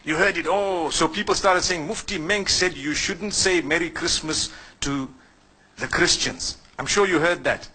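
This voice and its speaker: A man's voice: fairly high pitch, measured pace, pushed and bright, husky, rough recording. A man from Zimbabwe giving a sermon as an Islamic preacher, speaking conversationally and putting questions to the listeners before answering them himself.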